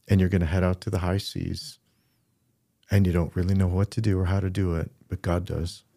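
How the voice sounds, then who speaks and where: A middle-aged pastor speaks earnestly in a low, gravelly voice, easing into stories and acting out what people said. His tone is dark and mellow. He is recorded dry and close on the mic. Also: dry recording. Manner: earnest storytelling, acts out quoted voices. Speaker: pastor and podcast co-host. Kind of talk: casual podcast conversation.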